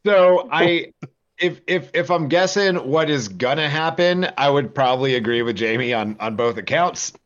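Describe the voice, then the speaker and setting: A man's voice: fairly high pitch, normal speed, fairly bright tone, dull audio. A man guesting on a podcast, thinking aloud in casual chat with hesitant restarts.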